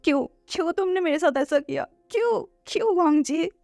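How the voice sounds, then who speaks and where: Woman voicing a sobbing young man, high and desperate. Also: animated, normal speed, creaky, darkish tone, no echo, soft background music, heavily acted. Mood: sobbing, pleading. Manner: desperate, begging. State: crying. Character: young man, grief-stricken and pleading.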